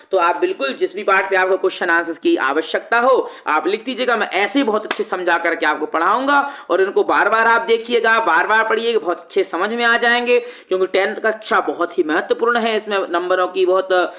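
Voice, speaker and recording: A man teaching Sanskrit for a tenth-grade exam, reading each line slowly and then explaining it patiently, asking and answering his own questions. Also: sits high, pushed and bright. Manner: reads Sanskrit lines slowly, then glosses in Hindi. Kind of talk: exam-prep lesson for students.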